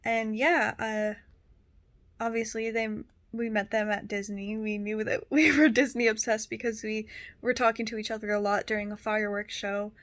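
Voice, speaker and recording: A young woman vlogging to camera in a relaxed, tired, mellow way. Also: a little high, moderate pace. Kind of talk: casual vlog talk to camera.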